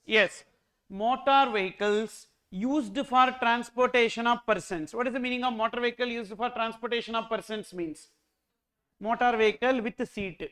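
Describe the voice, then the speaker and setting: A man's voice: very high voice, moderate pace, fairly bright tone, clear, resonant tone. A man with a Tamil Indian accent giving a classroom lecture as an exam coach, often asking questions and answering them himself. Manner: mixes Tamil into English.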